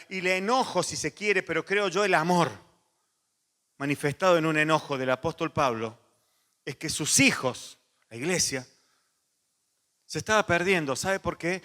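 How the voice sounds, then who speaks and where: A man, a pastor preaching a sermon, animated and moving between loud emphasis and soft asides. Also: high-pitched. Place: church hall. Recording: long church reverb.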